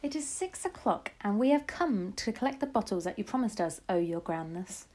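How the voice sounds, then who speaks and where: A woman's voice: mid-range voice, animated, normal speed, mellow, lightly acted. A woman voicing a meek, fawning ancient witch in a storybook, hesitant and deferential.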